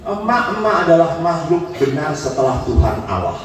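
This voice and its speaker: High-voiced priest preaching in an echoey church. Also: male voice, moderate pace. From Indonesia. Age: 50s. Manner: humorous storytelling with lively acted-out quotes. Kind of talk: sermon. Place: large church. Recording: echoey church hall, from far off, faint noise.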